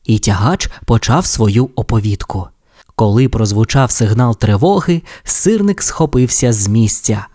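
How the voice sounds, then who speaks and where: A man narrating an audio fairy tale for children, reading with lively expression. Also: mid-range voice, unhurried. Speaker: storyteller.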